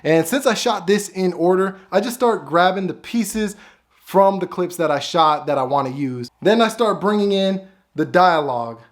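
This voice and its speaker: A man's voice: high-pitched, lively intonation, normal speed. A man casually explaining how he films and edits his videos, thinking aloud as he goes, recorded on a phone. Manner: casual, offhand talk, thinking aloud while filming. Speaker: YouTuber making animated shorts. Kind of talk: casual behind-the-scenes explanation.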